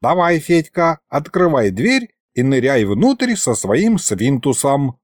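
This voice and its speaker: A man's voice: medium pitch, sing-song, slow, no echo, studio quality. A man voicing a cantankerous old male wizard spirit who scolds and shrieks in a folksy way. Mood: bossy.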